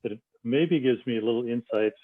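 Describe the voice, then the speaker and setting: A man with a mid-range voice speaks at a moderate pace, offering a casual, thoughtful comment from the audience at a book discussion, including a passage he reads aloud. The audio has no echo but sounds thin, like a phone call.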